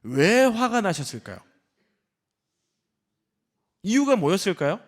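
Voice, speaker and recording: Animated, high-pitched Korean pastor preaching. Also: male voice, slow. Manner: animated preaching, acts out quoted voices, asks the congregation questions. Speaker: senior pastor. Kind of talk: sermon.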